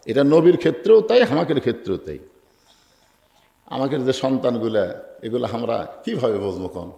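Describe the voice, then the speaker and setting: A male preacher with a Bangladeshi Bengali accent delivering an emotional sermon, telling a story and swinging between loud cries and hushed quoted lines. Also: mid-range voice, animated, normal speed, vocal fry, roomy sound.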